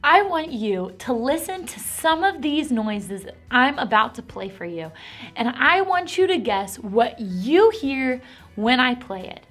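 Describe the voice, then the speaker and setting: An animated woman teaches a Bible lesson to preschoolers and cheers them on. Her voice is high and swoops widely. Faint music plays behind her. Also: unhurried. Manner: animated and encouraging.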